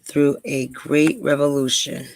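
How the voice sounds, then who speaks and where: A bass-voiced podcast host from New York, USA, speaks a little slowly in a level, darkish, dry tone without echo. Her casual commentary and reading aloud are conversational, sprinkled with ums, and she rushes a bit when stressing things.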